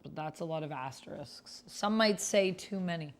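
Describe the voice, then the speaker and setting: A woman with a low voice talks at a moderate pace. She's a streamer playing a text-based roleplaying game, casually chatting, thinking aloud as she reads and types, and often second-guessing her wording.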